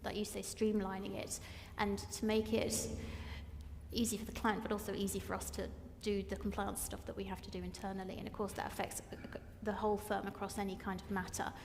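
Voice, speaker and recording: Flat-toned woman with a gravelly edge. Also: medium pitch, brisk, a little hiss or hum. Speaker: panelist, law firm staff. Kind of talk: panel discussion. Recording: reverberant hall with faint ambience.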